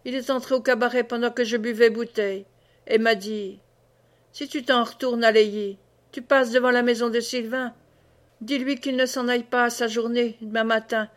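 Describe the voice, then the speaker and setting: Brief: woman reader as a drunk, blustering old peasant man, hiccuping, slow and a bit low, storybook reading. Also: close to an everyday voice.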